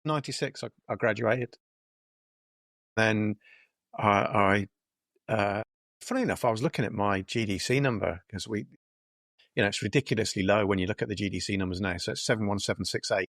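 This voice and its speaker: Rambling low-voiced dentist in his fifties. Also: fairly quick, gravelly, pauses often, fairly bright tone, no echo, clean studio sound. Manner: rambling, hesitant, many fillers and restarts. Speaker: dentist and podcast co-host. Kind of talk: casual interview chat. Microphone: video call.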